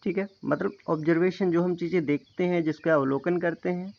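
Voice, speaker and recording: A man's voice: high voice, brisk, creaky. A man teaching an explanatory lecture, who often stops to check that his listeners are following. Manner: repeats "theek hai" to check understanding. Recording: dull lo-fi recording.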